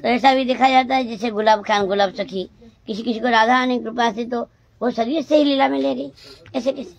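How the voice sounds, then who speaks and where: A woman's voice: on the high side, steady tone, a little fast, creaky. A woman devotee respectfully putting a question to the teacher, reciting a list of terms.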